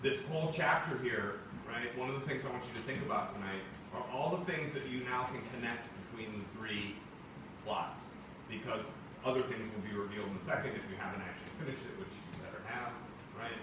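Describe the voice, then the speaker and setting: A man's voice: fairly low pitch, fairly quick. A male teacher leading a classroom book discussion in a conversational way, often checking in with "right?". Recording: echoey classroom, far from mic, room noise.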